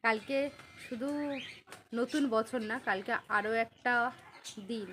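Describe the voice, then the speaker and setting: A woman with a Bengali accent chatting warmly to her viewers in a casual daily-life vlog, greeting them and narrating her day. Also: fairly high pitch, fairly even intonation, slow. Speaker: vlogger. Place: home and village market. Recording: loud background noise.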